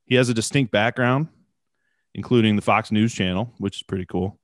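A man's voice: fairly low pitch, a little fast, no echo, studio quality. Man with a radio announcer voice. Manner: upbeat, polished introductions. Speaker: podcast host. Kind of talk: podcast interview.

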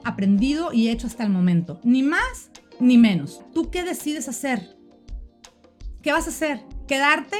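A woman, a life coach giving an emphatic motivational talk on a live stream, full of rhetorical questions. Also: sits high.

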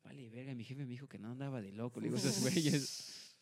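A man's voice: medium pitch, steady tone, racing, creaky, warm tone. A young man with a Mexican accent telling stories in a slangy, profane way as co-host of a casual podcast. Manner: slangy and profane, ends phrases with "güey". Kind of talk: casual chat, storytelling.

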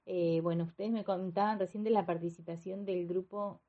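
Soft-voiced Argentine interviewer on the phone. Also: female voice, on the low side, steady tone, moderate pace. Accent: Argentine Spanish. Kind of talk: interview questions. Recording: tinny phone line.

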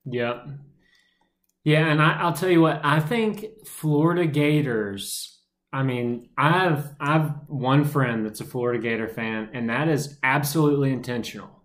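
A man's voice: medium pitch, measured pace, fairly bright tone. A man co-hosting a sports podcast, talking loosely and laughing easily in casual chat. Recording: roomy echo.

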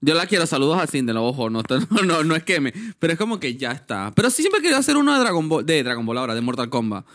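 A man in his thirties hosting a podcast in casual chat, campy and playful, quick to joke and laugh. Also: a little high, very animated, a bit bright. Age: 30s. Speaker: podcast host.

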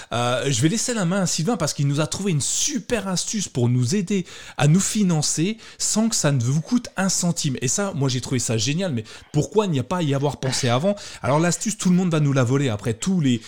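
A man's voice: on the high side, expressive, brisk, darkish tone. A man hosting a casual tech podcast, talking with many fillers and restarts. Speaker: podcast host.

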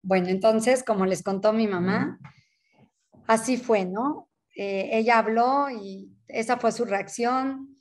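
A woman tells her own story to an audience as a personal testimony, in a lively, animated way. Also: a little high, slow pace. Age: 40s. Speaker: daughter telling her story.

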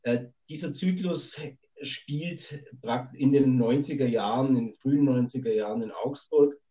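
A man's voice: medium pitch, unhurried, mellow. A male author speaking over a remote satellite call line, talking in a rambling, thoughtful way with many hesitations. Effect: remote satellite call line, dull lo-fi sound. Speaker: author being interviewed. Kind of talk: remote podcast interview.

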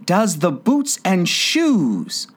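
Guy putting on a curious little girl, polite, pitched up. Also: sing-song, a little slow. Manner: polite and wondering.

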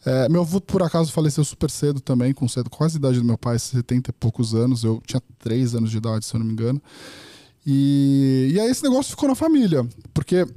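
Rambling Brazilian man, dark mellow voice. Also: medium pitch, quick pace, no room sound, studio quality. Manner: rambling, many restarts and fillers. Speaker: podcast guest. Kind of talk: casual interview chat.

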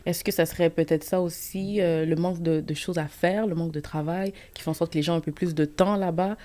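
A woman hosts a casual interview. Her voice sits fairly low, and she asks questions attentively, filling pauses with quiet affirmations. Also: steady tone. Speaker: podcast host.

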